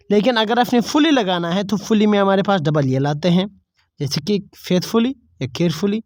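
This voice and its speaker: A woman's voice: medium pitch, a little mellow, dry recording. A woman teacher, explaining spelling rules step by step. She repeats each point and asks herself questions before answering them. The sound is dry and close, with no room around it. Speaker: English teacher. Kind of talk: spelling lesson explained in Urdu-flavored Hindi.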